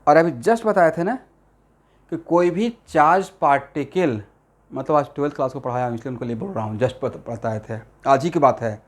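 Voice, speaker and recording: A man's voice: mid-range voice, moderate pace. A male chemistry teacher lecturing a classroom in Hindi mixed with English terms, constantly checking that students follow. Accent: Assamese-influenced Hindi.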